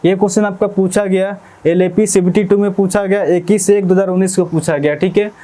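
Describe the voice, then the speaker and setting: A man's voice: high voice, fairly even intonation, fairly quick, warm tone. A man teaching an exam-prep maths lesson, explaining step by step, repeating key phrases and checking in with his students often.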